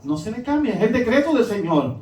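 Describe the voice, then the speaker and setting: A man delivers a sermon in a high, ringing voice. He swings between emphatic peaks and hushed, low drops. The recording sounds echoey, with the voice set back from the mic. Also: big pitch swings, fairly quick. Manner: emphatic preaching, rising and dropping. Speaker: preacher. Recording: echoey room, voice from a distance.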